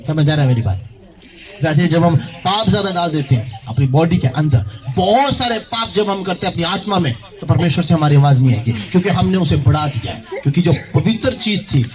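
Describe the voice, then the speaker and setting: A man's voice: on the high side, lively intonation, fairly quick, a crowd in the background. A male pastor preaching a sermon, asking the congregation questions and calling out hallelujah and thank you Jesus. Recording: loud background noise.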